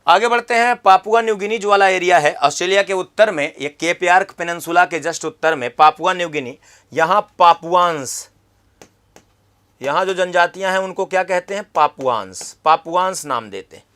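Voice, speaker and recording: A man's voice: high-pitched, moderate pace, fairly bright tone. A man teaching an exam-prep geography lesson, repeating key terms and quizzing the viewer with questions.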